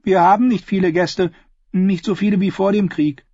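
A man reading aloud in the voice of a guarded, suspicious ten-year-old girl who asks sharp questions. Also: high-pitched, fairly even intonation, moderate pace, husky, no echo, muffled recording, voice pushed up. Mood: wary, blunt.

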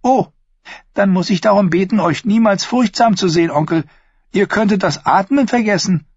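A man's voice: sits high, moderate pace, a little mellow, breathy edge, no room sound, pitched above the performer's own voice. A man voicing a sly, sweet-voiced young woman with a lilting, scheming delivery in an audiobook. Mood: sharp, mocking. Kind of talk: audiobook character voice. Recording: dull lo-fi audio.

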